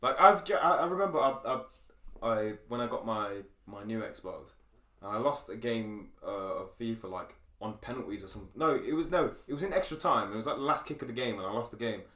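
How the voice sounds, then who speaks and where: A young man co-hosting a podcast, telling gaming stories in casual chat, lively, laughing and swearing freely. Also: mid-range voice, brisk. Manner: animated, laughing storyteller who swears freely. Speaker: podcast co-host. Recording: roomy echo.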